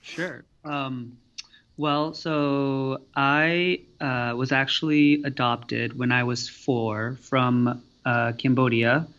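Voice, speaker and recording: A man from the Seattle area, a guest on a podcast, recounting his career path in an even way with hesitant fillers. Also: medium pitch, extremely slow, dull audio. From Seattle area, USA. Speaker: podcast guest, student affairs professional. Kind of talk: interview answers.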